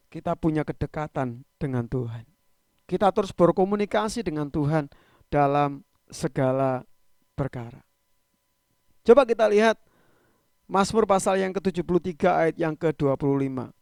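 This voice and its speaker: A male pastor, preaching in a conversational livestreamed sermon that swings from loud emphatic peaks to quiet trailing phrase endings. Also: on the high side, smooth, dry recording, studio quality. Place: church livestream.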